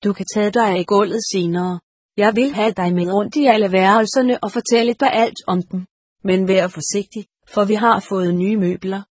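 A bossy female cat from a storybook, always lecturing and scolding her companion, voiced by a woman reading aloud. The voice is slightly breathy and sits at a middle pitch. The sound is dry and close. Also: fairly even intonation, a little mellow, no echo, natural voice.

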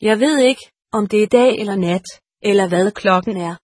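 A woman's voice: mid-range voice, darkish tone, no echo, clean studio sound, close to an everyday voice. A woman voicing a bewildered, earnest young male soldier's ghost with an anxious, pleading manner in an audiobook. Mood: worried. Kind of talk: audiobook character reading.

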